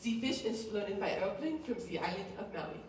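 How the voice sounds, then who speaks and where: A woman's voice: medium pitch, animated, a little fast, background noise, lightly acted. Teen girl playing a coy mock-French waitress. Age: teens. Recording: echoey hall from far off.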